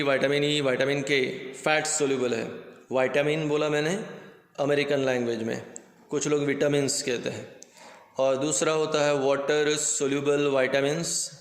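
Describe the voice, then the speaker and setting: A man's voice: a little high, fairly bright tone. A man teaching a science lesson in Hindi, explaining with everyday examples, checking in with the class and slipping into English terms. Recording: echoey room with long reverb.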